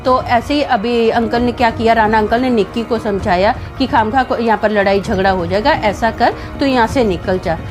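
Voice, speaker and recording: A woman telling a personal story in a casual vlog, animated and dramatic, with many fillers. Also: fairly high pitch, moderate pace, hardly any pauses, over music.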